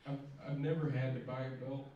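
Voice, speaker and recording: A man performing a stand-up comedy set in a club with dry, deadpan, self-deprecating delivery. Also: medium pitch, brisk, muffled recording. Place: comedy club stage with a laughing audience. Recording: roomy, distant, noisy club recording.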